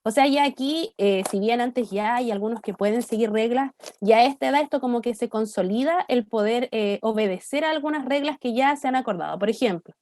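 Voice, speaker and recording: A woman's voice: fairly high pitch, fairly quick, hardly any pauses, darkish tone. A young adult woman from Chile, giving a church talk on child development to parents in a conversational way, often checking in with her listeners. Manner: conversational, asks "¿cierto?" often. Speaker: parenting workshop speaker.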